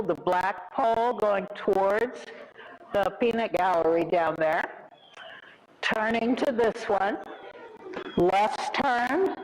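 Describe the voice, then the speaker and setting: A riding instructor coaching a live lesson with brisk, short instructional commands. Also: medium pitch, poor audio.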